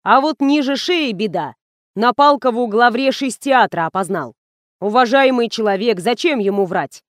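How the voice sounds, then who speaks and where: A woman's voice: a little high, lively intonation, normal speed, no echo, clean studio sound, close to an everyday voice. Woman reading a blunt male general.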